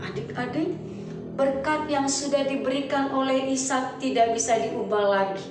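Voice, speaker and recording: Woman, children's church teacher, high voice, lively storytelling, questions to children, echoey hall, distant mic. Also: moderate pace, background noise.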